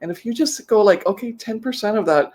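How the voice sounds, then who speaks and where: A woman's voice: medium pitch, a little fast. Lisping woman wearing a mouthguard. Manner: animated, rambling with examples and self-corrections. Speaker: business coach. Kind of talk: casual explanatory chat. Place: home office, on a video call.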